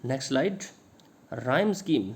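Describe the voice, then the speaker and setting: A man who teaches English literature, explaining a sonnet in Hindi to students and reading English lines slowly. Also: mid-range voice, expressive. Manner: explains in Hindi, slow English phrases read aloud; addresses students directly. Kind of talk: Hindi lecture on an English poem.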